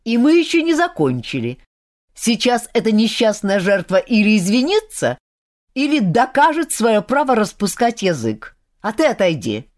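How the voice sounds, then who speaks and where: A woman's voice: lowish voice, very animated, a little slow, darkish tone. A woman voicing a proud, hot-tempered young man who speaks curtly and bluntly. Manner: curt and blunt.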